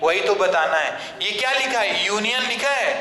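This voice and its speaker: High, bright-voiced male grammar teacher. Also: expressive, roomy sound, in a large hall, rough recording. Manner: repeats questions back to students and answers them himself; switches into slow, deliberate English phrases. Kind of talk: classroom lecture.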